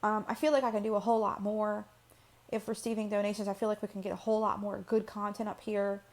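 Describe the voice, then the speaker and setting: A woman's voice: medium pitch, little pitch movement, fast. A woman hosting her own channel, talking casually and personally to camera, rambling with fillers and restarts. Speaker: channel host. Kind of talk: personal vlog talk to camera.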